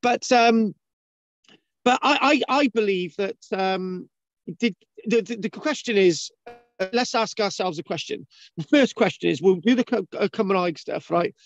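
A native English-speaking man hosts a casual video-call discussion in a high, unhurried voice. He rambles, restarts often, leans on fillers and keeps asking "right?". The audio is dry, dull and lo-fi, typical of a video call.

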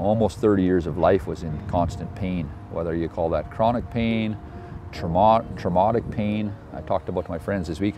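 A man giving a reflective interview while sitting on a park lawn, talking slowly with many pauses. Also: low-pitched, a little mellow. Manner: slow, thoughtful, many pauses. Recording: music bed under the voice. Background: music.

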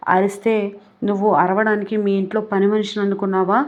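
A woman's voice: medium pitch, flat delivery, fast, darkish tone, lo-fi sound, close to an everyday voice. A woman voicing a defiant young woman who threatens and taunts her rival. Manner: taunting, confrontational.

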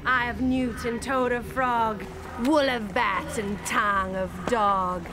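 A woman's voice: a little high, fairly even intonation, noisy background. A woman playing a sinister witch, reciting dramatic verse as an incantation in a documentary. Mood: menacing incantation. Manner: slow, incantatory. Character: sinister witch chanting over her cauldron.

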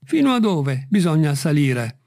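A man's voice: fairly high pitch, big pitch swings, measured pace, a little mellow. A man voicing an old, simple, fearful male servant in an audiobook reading, with an eager, pleading manner.

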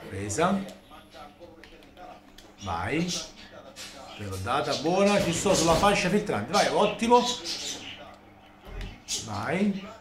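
A man's voice: a little high, sing-song, slow pace, long pauses. A man talking emphatically and casually while playing a football video game. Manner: emphatic, exclamatory Italian delivery. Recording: echoey room with game crowd noise. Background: football game crowd.

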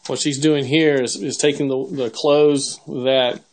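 A channel host with a medium-pitched voice and fairly even intonation casually narrates a demo he's filming in his home kitchen, speaking a little slowly. He explains each step and laughs a little now and then, recorded on a handheld camera mic.

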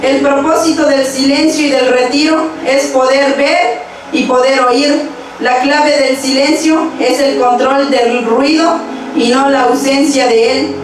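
A young woman preaching a sermon at a church pulpit with a handheld mic, reading scripture verses aloud in a steady, measured way. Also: high voice, background noise. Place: church stage with pulpit and instruments. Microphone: handheld microphone. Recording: very echoey church hall, from far off.

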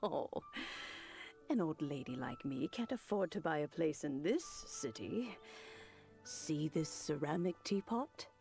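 Doting game granny, slow n creaky, lilting, music behind. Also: female voice, deep voice, expressive, exaggerated voice. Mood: kindly, unhurried. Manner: doting grandparent, unhurried and gently apologetic. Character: kindly old granny with a mysterious teapot. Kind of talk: video game character dialogue.

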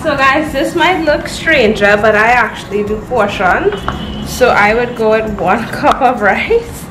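A woman's voice: on the high side, lively intonation, unhurried, echoey room, background noise. A woman, chatting upbeat to viewers in a home cooking vlog. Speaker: cooking vlogger. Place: home kitchen, indoors.

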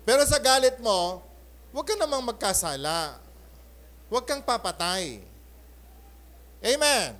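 A male pastor delivers a Sunday sermon in a church, mixing Tagalog and English. He is animated, often calls for an amen, and shifts between loud bursts and soft asides. His voice is very high, a little slow, with frequent pauses.

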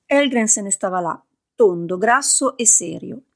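Gravelly-voiced woman reading an audiobook. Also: medium pitch, expressive, a little slow. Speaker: audiobook reader. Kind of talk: scripted narration.

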